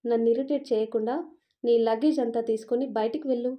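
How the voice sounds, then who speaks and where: A woman's voice: on the high side, steady tone, fast, natural voice. A woman voicing an angry young husband in a storybook reading, curt and irritable. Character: young husband, stern and short-tempered. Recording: dull lo-fi recording.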